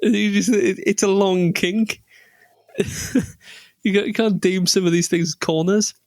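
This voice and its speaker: A man's voice: high-pitched, steady tone, measured pace, dry recording. A man co-hosting a podcast in casual chat, rambling and jokey, with plenty of tangents and restarts. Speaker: podcast co-host.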